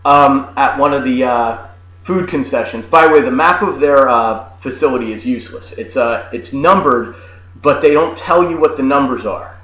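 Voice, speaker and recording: A man's voice: medium pitch, moderate pace, fairly bright tone, reverberant, slight background noise, low-quality recording. Sarcastic man in his forties ranting. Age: 40s. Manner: sarcastic, crude, hesitant with many fillers. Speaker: co-host. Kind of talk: comedic rant.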